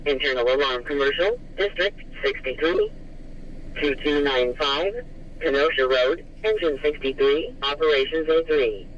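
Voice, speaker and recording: A man's slightly high voice reads out dispatch calls in police radio style. The transmission is dull, with faint noise behind it. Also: measured pace, a bit bright. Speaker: fire dispatcher. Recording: muffled scanner radio, faint vehicle noise.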